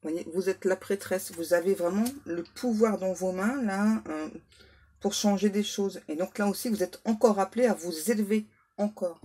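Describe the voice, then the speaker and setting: A woman giving a spoken card reading as a medium, repeating herself with many fillers and clearing her throat often. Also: medium pitch, normal speed, warm tone. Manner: repetitive, filler-heavy, insistent. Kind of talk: spoken tarot guidance to viewers.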